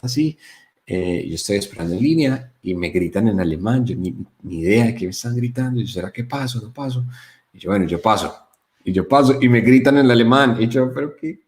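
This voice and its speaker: A young man from Colombia with a Colombian accent, a guest telling stories in a casual interview with many fillers. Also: sits low. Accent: Colombian Spanish (Paisa). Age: young adult. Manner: animated storyteller, many fillers. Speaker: guest, software developer.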